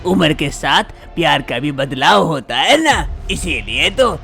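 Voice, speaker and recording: Woman doing a slow old father-in-law. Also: low-pitched, big pitch swings, gravelly, a bit bright, soft background music, exaggerated voice. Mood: soothing. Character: elderly father-in-law, teasing and easygoing. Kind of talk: animated drama voice acting.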